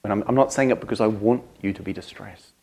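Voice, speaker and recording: A man speaking as a Dharma teacher to a group, earnest and reflective, in short halting phrases with thoughtful pauses. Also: lowish voice, gravelly, a little mellow, breathy edge. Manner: grave, earnest. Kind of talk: reflective spoken talk to a group.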